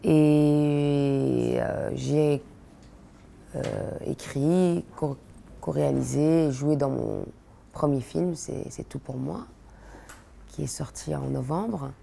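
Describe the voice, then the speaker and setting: A woman in her thirties, born in Belgium, answering interview questions in a relaxed, chatty way with many fillers and restarts. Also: deep voice, takes it slowly, gravelly, a little hiss or hum. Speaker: interviewee, comedian.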